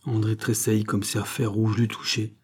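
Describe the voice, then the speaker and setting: A man narrating a classic novel in a measured, steady reading. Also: fairly low pitch, breathy edge. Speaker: audiobook narrator. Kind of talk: scripted literary narration.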